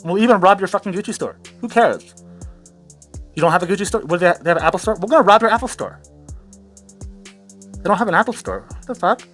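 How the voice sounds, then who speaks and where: A satirical commentary host launches into a sarcastic, rambling, profane rant, swearing a lot and amused by his own jokes. His high-pitched man's voice is animated and fairly bright; he talks fast but leaves long pauses. Soft music plays in the background.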